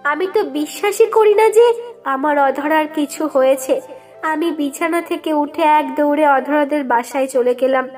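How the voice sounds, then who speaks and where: A woman with a high voice reads a first-person story aloud. Her narration is emotive and dramatic. Soft music plays faintly underneath. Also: unhurried. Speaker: story reader. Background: faint background music.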